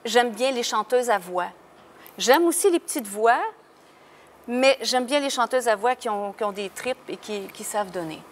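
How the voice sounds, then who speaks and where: A woman's voice: on the high side, animated, normal speed, slight background noise. A woman with a Québécois French accent, a singer from Quebec talking frankly and laughing easily in a casual interview. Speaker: singer guest.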